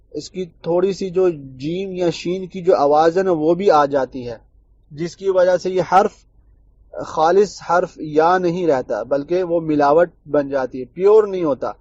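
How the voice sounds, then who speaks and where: A man teaching tajweed in a Quran recitation lesson. He explains common mistakes, then recites the example words slowly and drawn out. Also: a little high, a little mellow, no echo, highs cut off.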